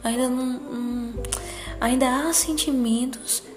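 A woman with a cutesy, soft voice giving a reflective personal monologue in a gentle, hesitant manner, often adding little tag questions. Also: high voice, steady tone, unhurried, soft background music. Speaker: psychologist.

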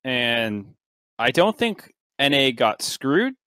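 A man guest on a casual panel who starts his answer slowly and hesitantly. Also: medium pitch, sing-song, sharp tone, smooth, no room sound.

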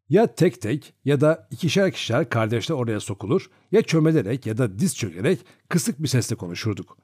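A man's voice: medium pitch, slightly rough, no echo, studio quality. A man narrating a classic novel as an audiobook, reading expressively. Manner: expressive storytelling.

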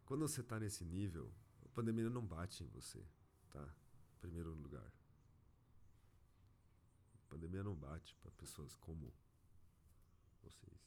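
A man's voice: a bass voice, expressive, measured pace, gravelly, long pauses, warm tone, slight background noise. A man with a Brazilian Portuguese accent, venting in a casual, slangy monologue as an agency owner fed up with clients. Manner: frustrated, slangy, exasperated.

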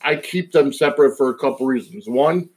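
A man's voice: mid-range voice, brisk, breathy edge. A man hosting a podcast alone, giving a casual opinion monologue in a rambling, digressive way. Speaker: podcast host.

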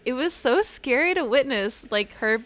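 A woman co-hosting a casual chat podcast, reacting in an animated way. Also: high voice, normal speed. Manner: animated, reacting with gasps and laughs. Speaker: podcast co-host.

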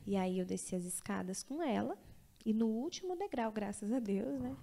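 Gravelly-voiced woman telling a story. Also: a little high, normal speed. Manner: animated storyteller, acting out quoted voices. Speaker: guest. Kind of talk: casual storytelling.

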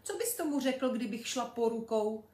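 A woman's voice: roomy sound, close to an everyday voice. A woman doing a cheeky boastful little girl. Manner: lively, boastful, high and loud. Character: cheeky nine-year-old girl, boastful fibber.

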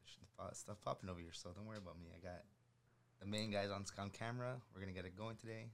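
Quiet rushed man off-mic. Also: on the low side, fairly even intonation, slight background noise. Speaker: camera operator. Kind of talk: casual chat. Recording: distant off-mic voice.

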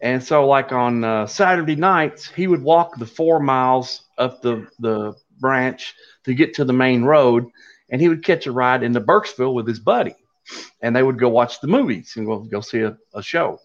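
Middle-aged male storyteller, Appalachian Kentucky accent, halting and folksy delivery, muffled low-fidelity recording. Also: animated. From Kentucky, USA. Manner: folksy, halting, unhurried telling. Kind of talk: casual oral storytelling. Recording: dull lo-fi audio.

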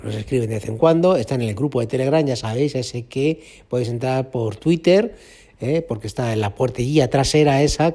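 A man hosts a casual podcast, rambling along with fillers and self-mocking asides. His voice sits at an ordinary middle pitch for a man. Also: a little mellow. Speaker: podcast host.

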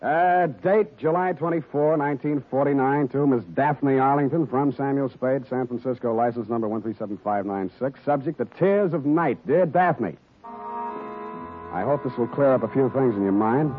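Actor as wisecracking tired private eye, sardonic, old radio drama, tinny phone-like sound. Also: male voice, medium pitch, normal speed, soft background music, lightly acted. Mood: dry narrating. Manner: wry, sardonic. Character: wisecracking, world-weary hard-boiled private detective. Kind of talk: 1940s radio acting. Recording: tinny vintage radio broadcast.

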